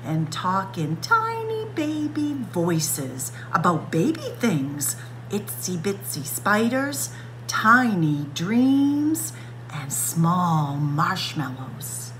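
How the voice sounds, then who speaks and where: A librarian with a lowish voice reads a picture book aloud for children at story time, going very slowly and expressively, stretching and acting out the words. She is indoors in a library room lined with bookshelves, and the rough recording carries a little hiss or hum.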